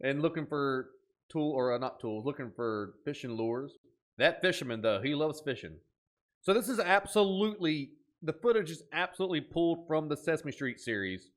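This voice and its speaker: This reaction-video host is a man whose voice sits a little high, and he talks at a moderate pace. His commentary on what he's watching is casual and theatrical, punctuated by lively, dramatic outbursts.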